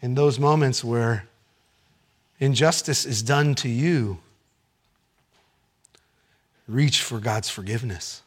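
A male pastor preaching a sermon, telling stories with animated swings from excited shouts down to hushed, quiet lines. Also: mid-range voice, measured pace, husky.

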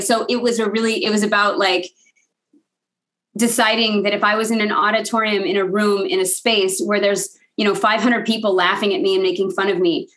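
A woman speaker and coach, a guest on an interview show, telling her story with lively, candid energy and easy laughter. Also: mid-range voice, rough recording. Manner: lively, laughs easily, acts out quoted voices.

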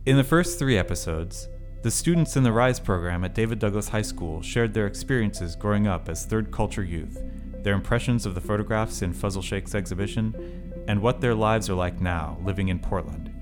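Low-voiced man hosting a podcast. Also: moderate pace, music in the background. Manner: hesitant, many fillers when asking questions. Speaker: podcast host. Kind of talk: scripted intro then interview questions.

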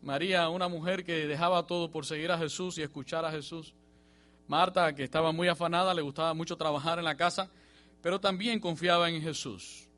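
A man preaching a sermon in a church, swinging from emphatic rising bursts to quiet, low passages. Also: fairly even intonation, brisk. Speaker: pastor.

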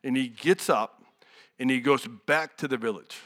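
A man's voice: mid-range voice, normal speed, a bit bright. A young adult man preaching a sermon in a candid, conversational way, full of asides and rhetorical questions.

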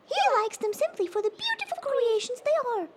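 A performer voicing a small, earnest female guardian elf in a children's story, squeaky and formal in manner. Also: sing-song, moderate pace. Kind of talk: children's audio story character voice. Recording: loud background noise.

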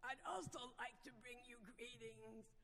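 A woman guest preacher with a husky, strained, sultry voice, addressing a congregation in measured, deliberate phrases. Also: a little high, pushed and bright, a little hiss or hum. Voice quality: husky, strained voice from vocal dysphonia, self-described as sultry. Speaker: guest preacher, church executive presbyter. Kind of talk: sermon with greetings to congregation. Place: large church sanctuary. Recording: reverberant church hall, amplified.

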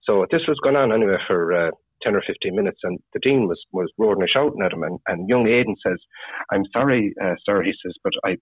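A man with a west of Ireland, Galway accent telling anecdotes casually, in a husky, rambling, halting way with lots of "you know". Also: deep voice, animated. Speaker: fishing guide (gillie) interviewed as guest. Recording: tinny phone-like radio sound, roomy echo.

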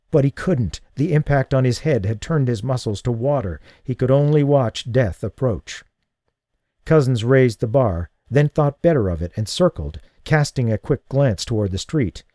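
A man giving a dramatic audiobook narration of a thriller, measured and slowing for tense beats. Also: mid-range voice, mellow, no echo, clean studio sound. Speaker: audiobook reader.

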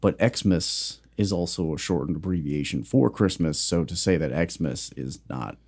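Very low, mellow and husky, this man's voice carries a casual podcast chat where he co-hosts. At a moderate pace he meanders through facts with plenty of ums and false starts, all in a joking tone.

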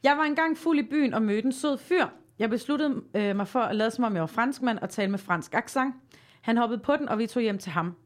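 A woman in her thirties from southern Denmark, casually telling stories in a podcast quiz game, lively and laughing as she talks. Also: on the high side. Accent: Danish, from southern Jutland. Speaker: podcast guest.

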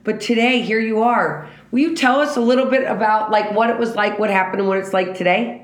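A woman's voice: fairly high pitch, fairly even intonation, a little fast. A middle-aged woman hosting a podcast, chatting playfully and casually with a guest. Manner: chatty, playful, laughs easily. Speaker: podcast host. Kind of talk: casual interview chat. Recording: echoey room.

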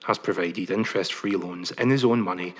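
A man, a journalist answering interview questions in a measured way, with many pauses and ums. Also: low voice, a little hiss or hum. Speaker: journalist guest.

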